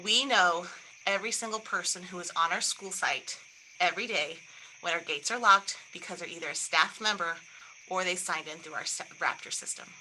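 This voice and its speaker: Bright-voiced woman principal addressing parents. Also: on the low side, moderate pace, a little hiss or hum, poor audio. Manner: upbeat, informative, reads from slides with small restarts. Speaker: school principal. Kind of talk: presentation to parents.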